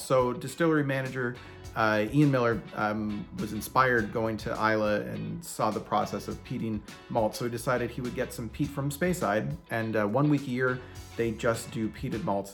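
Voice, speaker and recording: A man's voice: medium pitch, creaky. A man hosting a casual whisky tasting vlog, chatting loosely with fillers and restarts. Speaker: whisky reviewer host.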